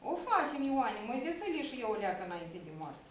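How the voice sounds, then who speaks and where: Vasile, a weary old shepherd with one foot in the grave, grumbles and coaches in a homely, folksy way, as a woman reads him from her script. The voice is a little high and comes from across an echoey room. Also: very animated, far from the mic, slight background noise. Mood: coaching. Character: old male shepherd, weary then playful.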